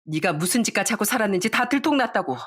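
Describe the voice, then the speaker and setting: A woman's voice: medium pitch, lively intonation, quick pace, a bit bright, breathy edge. A woman voicing a stern, angry wedding shop employee who confronts a deceitful bride in a storybook reading. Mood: furious accusing. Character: furious wedding shop employee seeking justice.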